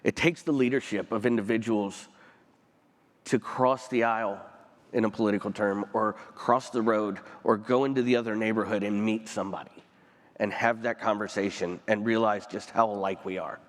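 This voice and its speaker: A man speaking as a panel guest onstage, earnest and emotional, pausing often and restarting his sentences. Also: on the low side, steady tone, in a large hall. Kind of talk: onstage conversation. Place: conference stage.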